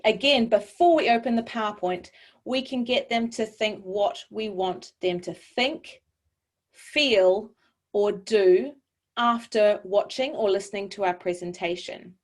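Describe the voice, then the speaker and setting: A woman from New Zealand, her accent softened by long years in Europe, coaching a webinar audience in a clear, measured, encouraging way over a video call. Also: mid-range voice. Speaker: webinar presenter. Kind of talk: online presentation coaching.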